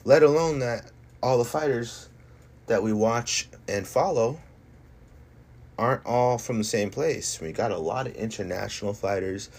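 A man's voice: medium pitch, measured pace, darkish tone, slightly rough. A man speaking off the cuff as a fighter on a casual stream, cocky and boastful, hammering his points with emphatic repetition and slangy swearing. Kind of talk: casual livestream monologue. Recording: noticeable background noise.

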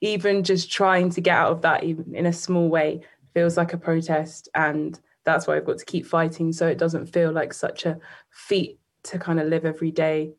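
A woman's voice: low voice, flat delivery, normal speed. A twenty-year-old woman speaking hesitantly as a panelist. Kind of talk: panel discussion.

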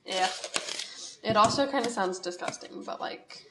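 A young woman who hosts a podcast talks casually through a recipe in her home kitchen, rambling, chatty, and self-deprecating. Her medium-pitched voice runs a little slow, and the recording is very noisy.

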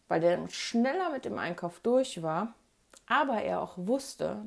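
A woman with a Ruhr German accent telling a childhood memoir in an animated, colloquial way. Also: mid-range voice, gravelly. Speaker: narrator. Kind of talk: memoir storytelling.

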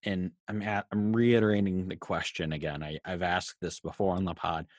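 A man's voice: deep voice, little pitch movement, normal speed, no echo, studio quality. A man co-hosting a podcast, chatting casually and posing questions with frequent filler words. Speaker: podcast co-host. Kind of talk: casual chat.

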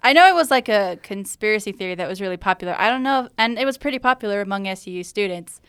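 A woman's voice: mid-range voice, lively intonation, fast, fairly bright tone, clear, resonant tone, dry recording, clean studio sound. A college-aged woman in her twenties co-hosting a casual chat, easygoing and giggly, with lots of "like.". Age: 20s. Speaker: student co-host.

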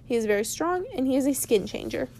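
Brisk, stern old wizard from a storybook, slightly higher voice, a woman reading him. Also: animated, vocal fry, a little mellow, slight background noise. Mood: cross. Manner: stern, lecturing. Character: old male wizard, brisk and easily cross. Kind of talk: storybook read-aloud.

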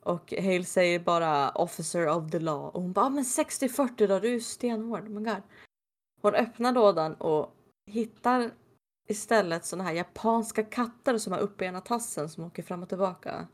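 A woman recounts a TV episode in easy, casual conversation. She slips into the characters' lines with animated little voices, then drops back to her ordinary speaking voice. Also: fairly low pitch. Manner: animated retelling, acting out quotes. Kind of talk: casual chat retelling a TV episode.

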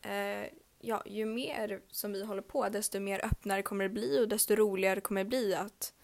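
A woman's voice: medium pitch, fairly even intonation, creaky, darkish tone. A young woman hosting a casual podcast, rambling with many fillers and jokes. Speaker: podcast host.

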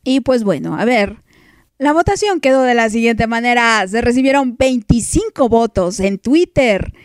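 A woman's voice: fairly high pitch, animated, moderate pace, no echo. Playful woman, dry close sound. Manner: playful, teasing, laughs often, mock outrage. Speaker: podcast host. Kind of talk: casual music podcast chat.

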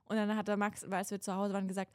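A woman's voice: mid-range voice, completely flat delivery, quick pace, no room sound, studio quality. A young woman co-hosting a podcast in a casual chat, supportive and reassuring, backing her friend up with short agreements. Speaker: podcast co-host.

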